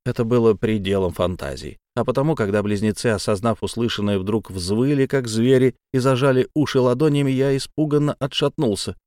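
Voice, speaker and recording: A man narrating a first-person novel as an audiobook, in a measured, dramatic reading. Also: medium pitch, warm tone, dry recording, clean studio sound.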